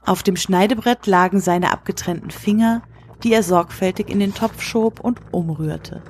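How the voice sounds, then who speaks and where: A woman reading a story aloud in a measured storytelling manner. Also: mid-range voice, darkish tone, a little hiss or hum. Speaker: narrator. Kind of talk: scripted narration.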